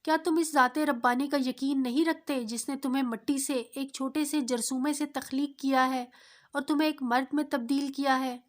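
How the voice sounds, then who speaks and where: A woman's voice: sits high, steady tone, lightly acted. A woman voicing a poor, pious farmer who earnestly admonishes his friend in a storybook tale, in her own voice.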